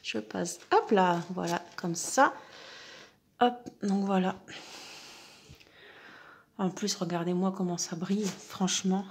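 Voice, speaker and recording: A woman's voice: fairly low pitch, slow, pauses often, a little hiss or hum. Chatty woman crafting vlogger. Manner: chatty, many fillers and restarts. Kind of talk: casual show-and-tell vlog.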